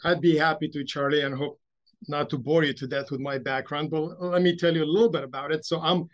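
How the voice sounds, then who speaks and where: This man in his fifties, from Romania, recounts his family's past as an interview guest. His voice sits a little higher than most men's, and he talks in an unhurried, anecdotal way, often poking fun at himself. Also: steady tone, lo-fi sound. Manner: measured, anecdotal and self-deprecating. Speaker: guest, investment bank CEO. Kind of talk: interview storytelling.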